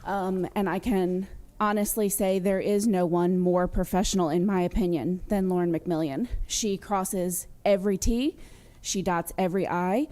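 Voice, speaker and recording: A woman, a social work supervisor, giving composed, supportive public testimony with occasional pauses. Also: on the low side, fairly even intonation, dark tone.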